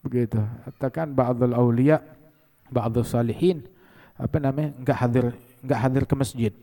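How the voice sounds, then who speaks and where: A man's voice: medium pitch, normal speed, in a large hall. A man preaching a sermon, telling stories animatedly and weaving in Arabic phrases. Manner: animated storyteller who acts out quoted voices, sprinkling Arabic phrases. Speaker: religious preacher. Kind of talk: sermon with storytelling.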